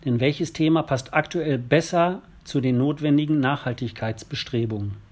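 A man from a parish council reading a prepared statement in a measured, formal way. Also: fairly high pitch, a little mellow.

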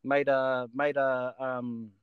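A New Zealand man from Taranaki chats casually at a medium pitch. He is laid-back and matey, circling back on his own phrases, recorded close and dry. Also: flat delivery, takes it slowly, clean tone, dry recording, phone-quality sound. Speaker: guest, rugby player. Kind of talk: casual chat.

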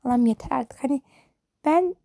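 A teenage girl, a high school student, rambling in an exasperated rant straight to camera. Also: moderate pace, gravelly, dark tone, no room sound, studio quality. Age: teens. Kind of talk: casual monologue to camera.

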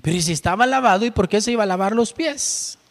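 A man's voice: high voice, fast talker, long reverb tail. A man preaching a sermon, explaining scripture and asking his listeners rhetorical questions.

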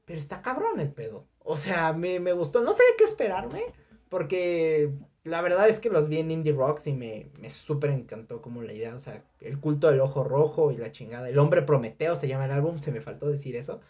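A young adult speaker with a Mexican accent reviewing an album on a casual podcast, animated and profane, breaking into shouted sound imitations. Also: medium pitch, fairly quick. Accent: Mexican Spanish. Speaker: music reviewer.

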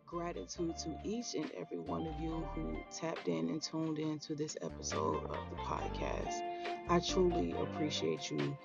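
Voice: medium pitch, lively intonation, normal speed, gravelly, dull audio, loud music behind the voice. A podcast host in their thirties giving an earnest, emphatic motivational spiritual talk straight to listeners. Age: 30s.

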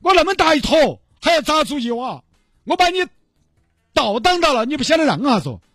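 A man's voice: extremely high pitch, big pitch swings, fairly quick, a bit bright, no room sound, clean studio sound, pitched above the performer's own voice, heavily acted. A man doing a scolding Sichuanese old man. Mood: angry. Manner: scolding, nagging. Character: cranky old man of seventy, loud and scolding.

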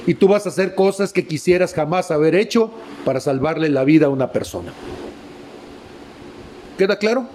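A man preaching a sermon, emphatic and questioning the listener directly, swinging between high exclamations and low drops. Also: moderate pace, pauses often, a little mellow, a little hiss or hum.

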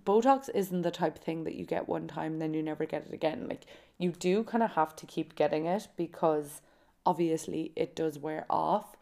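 Low, creaky and dark-toned, this voice belongs to a twenty-something woman with an Irish accent from County Kerry, in the country's southwest. She moves at a moderate pace while hosting a casual solo podcast, confiding personal stories to her listeners.

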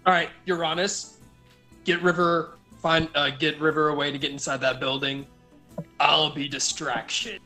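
Hesitant player at a tabletop game, lots of ums, music clearly behind. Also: mid-range voice, level tone, moderate pace, bright, forceful tone. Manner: hesitant, filler-heavy.

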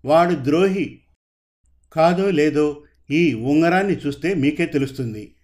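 A man's voice: on the high side, unhurried, darkish tone, natural voice. A man voicing a dutiful young police officer, earnest and determined in a spoken story. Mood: resolute.

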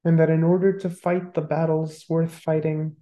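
A meditation guide leading a guided meditation, giving calm, unhurried instructions with long pauses. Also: mid-range voice.

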